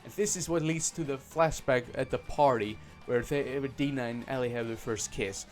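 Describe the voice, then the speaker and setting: A man's voice: mid-range voice, normal speed, soft background music. A man giving a casual, sarcastic game review full of swearing and fillers. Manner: sarcastic, profane, many fillers.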